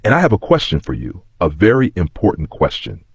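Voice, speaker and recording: A man voicing a kind, gentle, wealthy father who speaks calmly and reassuringly in a storybook narration. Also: low-pitched, brisk, breathy edge, no echo, clean studio sound, exaggerated voice. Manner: calm, soft-spoken and reassuring.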